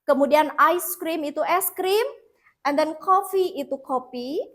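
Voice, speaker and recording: A woman teaching an English lesson in a classroom, mixing two languages and leading slow repeat-after-me drills. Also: high-pitched.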